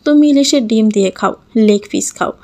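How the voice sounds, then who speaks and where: A woman voicing a calm, caring male boss who speaks gently but firmly. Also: on the high side, normal speed, soft background music, close to an everyday voice. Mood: coaxing.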